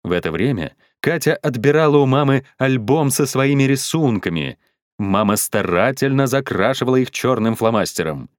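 A man reading a children's story aloud in an expressive, animated way. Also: medium pitch, normal speed, no echo, clean studio sound. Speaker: narrator.

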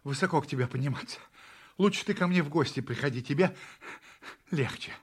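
Guy doing a loud cheeky puppy, fast and bouncy, kinda husky. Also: on the high side. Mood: reasoning. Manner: loud, excited, bossy. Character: cheeky young male puppy, boisterous.

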